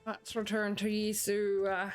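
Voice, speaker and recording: Streaming a game live, this young woman from the Netherlands talks in a Dutch accent, chatty, responding to viewers and breaking into bursts of laughter. Yet her mid-range voice is completely flat, unhurried, over soft background music.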